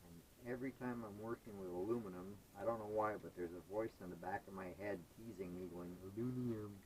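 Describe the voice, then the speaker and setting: A man's voice: on the low side, steady tone, fairly quick, a little mellow, a little hiss or hum, poor audio. A man, chatting casually and rambling with hesitant fillers while he sorts scrap metal. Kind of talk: casual chat while working.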